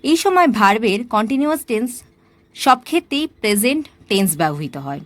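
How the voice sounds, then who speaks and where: A woman's voice: on the high side, very animated. Patient woman teaching grammar, Bengali accent. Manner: patient, reads English examples very slowly, spells words out letter by letter. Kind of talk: explaining a lesson.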